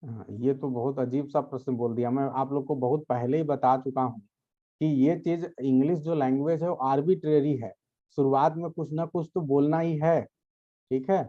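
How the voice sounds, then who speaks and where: A man's voice: mid-range voice, fairly even intonation, normal speed, muffled recording. A man teaching English grammar to his students, explaining patiently, checking understanding often and addressing them directly. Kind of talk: explanatory lecture to a class.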